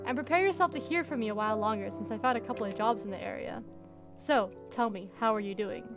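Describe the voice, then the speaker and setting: A woman reading the lines of a pushy, possessive male ex-partner in a visual novel game, in her own higher voice. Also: fast talker, over music, lightly acted. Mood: insistent. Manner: plain, even reading of the lines.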